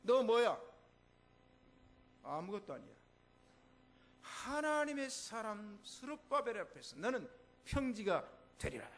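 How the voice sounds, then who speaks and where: A man's voice: sits high, fairly bright tone. A man with a Jeolla accent, a church pastor preaching a sermon in an emphatic, exclaiming way. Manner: emphatic, exclaiming, mimics voices in quotes. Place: church sanctuary.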